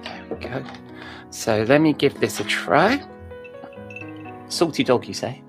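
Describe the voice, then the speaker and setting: A jovial man hosts a casual podcast chat, dry and good-humoured, with a mid-range voice. Faint guitar music sits quietly behind him. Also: mid-range voice, animated, unhurried. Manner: jovial, wry, backchannels often. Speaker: podcast host.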